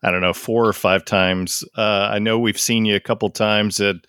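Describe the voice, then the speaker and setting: Lowish-voiced man hosting a casual podcast. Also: level tone, normal speed, fairly bright tone, smooth, dry recording. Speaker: podcast host. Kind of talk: casual interview chat.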